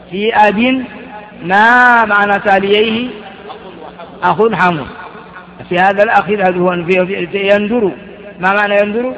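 A man's voice: high-pitched, a bit bright. A man teaching Arabic grammar in class, asking questions and answering them himself with frequent restarts. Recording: dull, reverberant hall recording.

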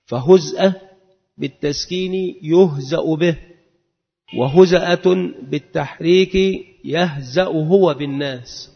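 Man chanting scripture in a long reverb. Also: fairly high pitch. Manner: recites verses in melodic chant, reads scholarly quotes plainly. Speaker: Islamic lecturer. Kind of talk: religious lesson with chanted Quran recitation. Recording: dull lo-fi sound with long reverb.

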